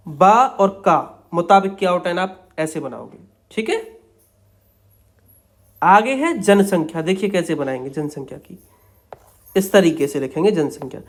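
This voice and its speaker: A young man teaching shorthand, explaining each outline step by step in a patient, repetitive way. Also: high-pitched. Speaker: stenography teacher.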